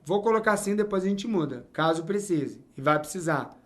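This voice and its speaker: Lively high-voiced Brazilian-born male teacher. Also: brisk. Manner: lively, talks straight to the viewer with frequent "tá?" and "ok?". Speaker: English teacher. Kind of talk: explaining English grammar to learners.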